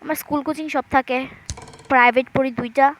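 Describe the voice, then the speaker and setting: A woman doing chatty voice-over commentary on a game, talking quietly into an earphone mic at home so she won't wake anyone. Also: high-pitched, fairly even intonation, quick pace, a little hiss or hum. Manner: talks quietly so as not to wake her sleeping parents; chatty, keeps addressing viewers. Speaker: gaming channel host. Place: room at home at night. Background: game music.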